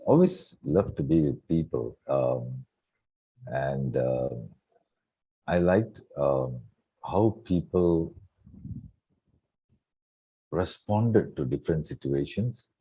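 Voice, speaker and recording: A man in his sixties from Singapore, a retired coach reflecting in an interview with many soft fillers. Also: a bass voice, slow, pauses often, breathy edge. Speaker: guest coach. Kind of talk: relaxed interview conversation.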